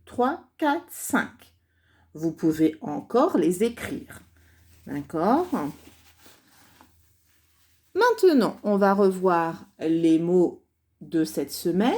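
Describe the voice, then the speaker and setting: Woman teacher for young kids, very slow and sing-song, syllable by syllable. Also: medium pitch, darkish tone. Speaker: primary school teacher. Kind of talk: slow dictation lesson for young children.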